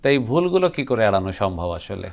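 A man hosting an educational language program, asking formal, measured questions. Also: fairly low pitch, sing-song, creaky, highs cut off. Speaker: TV program host.

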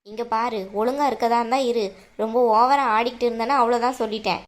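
A woman voicing a harsh, domineering mother-in-law in an animated cartoon, scolding in a bossy way. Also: a little high, fast, close to an everyday voice. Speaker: voice actor.

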